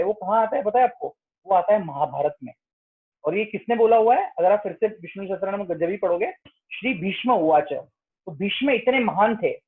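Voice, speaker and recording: A man's voice: high voice, breathy edge. A man explaining stories from an ancient epic to a group, checking in often with rhetorical questions. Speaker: spiritual discussion speaker. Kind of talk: explanatory talk on scripture. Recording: tinny phone-like line.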